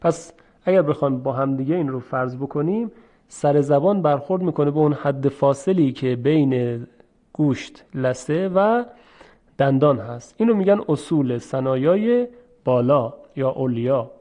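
A man teaching how to pronounce Arabic letters for Quran recitation, explaining slowly and repeating drill sounds. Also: mid-range voice, lively intonation, mellow. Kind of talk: explanatory lesson on letter pronunciation.

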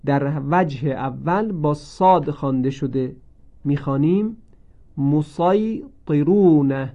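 A man teaching a recorded lesson on Quran reading, speaking slowly and deliberately and drawing out each word he recites. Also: fairly high pitch, mellow. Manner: slow, deliberate, repeats each word with drawn-out recited forms. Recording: dull lo-fi recording.

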